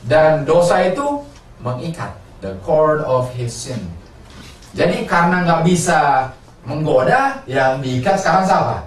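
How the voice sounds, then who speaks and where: Male preacher, animated call-and-response delivery, slightly high voice; roomy, distant recording with faint ambience. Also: measured pace, slight background noise. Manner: animated, asks the congregation questions and answers them. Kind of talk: sermon.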